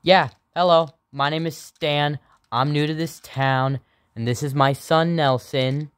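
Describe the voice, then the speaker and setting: A man's voice: on the high side, fairly even intonation, a little slow, smooth, no room sound, clean studio sound, lightly acted. Man as a neighbor dad sock puppet, goofy, blunt, touchy, homemade comedy. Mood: friendly.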